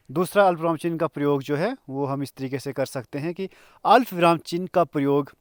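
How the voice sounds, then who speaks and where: Guy teaching a grammar lesson, talks real slow, a bit high, dry close sound. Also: no room sound. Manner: slow and explanatory, pausing between examples. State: coughing now and then.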